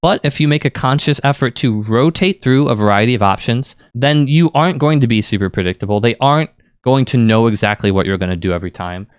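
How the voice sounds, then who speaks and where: A man coaching on fighting-game tactics in a casual, rambling, conversational way, stressing key points with lively emphasis. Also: medium pitch, fast talker, clear, resonant tone, dry recording, studio quality. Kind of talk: casual explanatory commentary.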